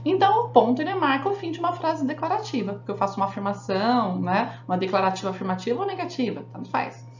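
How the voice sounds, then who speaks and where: A woman's voice: on the high side, sing-song, quick pace, few pauses. A woman teacher giving a grammar lesson, explaining step by step and often checking that the class follows. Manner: explanatory, asks the class frequent check questions. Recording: echoey room, dull sound, faint hum.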